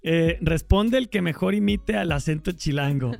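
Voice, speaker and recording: A man's voice: fairly high pitch, normal speed, gravelly, darkish tone. A man with a Mexico City accent hosting a casual panel, playful as he reads out audience questions. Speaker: show host.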